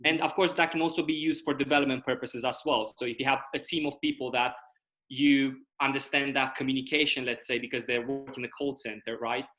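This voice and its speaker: A young Romanian man, a guest on a casual video-call interview, explains things at length in a medium-pitched, steady voice, often checking in with "right?" and "okay?". His delivery is brisk and sharp-toned. Faint music plays behind him, and the recording quality is low.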